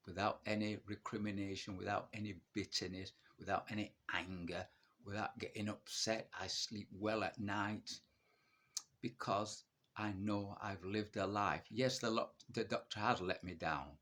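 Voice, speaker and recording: Husky and fairly low-pitched with a fairly bright tone, a man in his early sixties vlogs about his illness. Facing the camera, he delivers a blunt, defiant monologue, asking himself questions and answering them at once.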